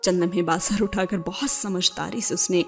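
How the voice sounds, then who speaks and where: Woman narrating a novel, measured. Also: lowish voice, fairly even intonation, vocal fry. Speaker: novel reader. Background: faint background music.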